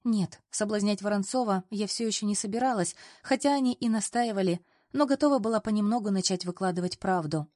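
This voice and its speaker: A woman reading a first-person story aloud in a lively, confiding way. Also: mid-range voice, no room sound, clean studio sound. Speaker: audiobook narrator.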